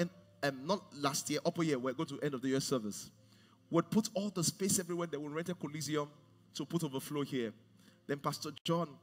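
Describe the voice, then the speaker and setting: A man in his forties preaching a sermon on a large church stage, swinging from hushed to loud. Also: on the high side, husky, in a large hall. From Nigeria. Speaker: pastor.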